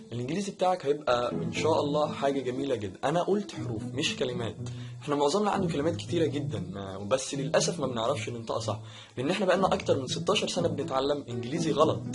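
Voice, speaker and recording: Fast-talking Egyptian man teaching pronunciation. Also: on the high side. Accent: Egyptian Arabic. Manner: joking, animated, mimics wrong pronunciations. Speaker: English teacher, channel host. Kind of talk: casual video lesson.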